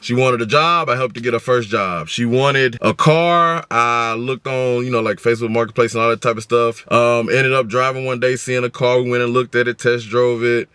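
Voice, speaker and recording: A young American man tells a story as an animated rant in a mid-pitched voice. His delivery is casual and slangy, acting out both sides of the exchanges, and the sound is dry with no room echo. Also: normal speed, hardly any pauses, clear, resonant tone. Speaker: storytime vlogger.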